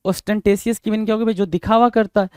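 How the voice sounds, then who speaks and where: A man's voice: high-pitched, steady tone, quick pace, clean tone, no echo, clean studio sound. A man with an Indian accent, a Hindi speaker, teaches English vocabulary for exam prep and keeps asking rhetorical questions, calling the viewers "bhai".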